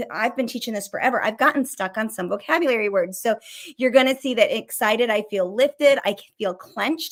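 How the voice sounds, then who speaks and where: A middle-aged woman counselor hosting a show, teaching casually and talking fast in a chatty way, swearing now and then. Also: a little high. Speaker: licensed counselor hosting a mental health show. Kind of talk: casual teaching while sharing a screen.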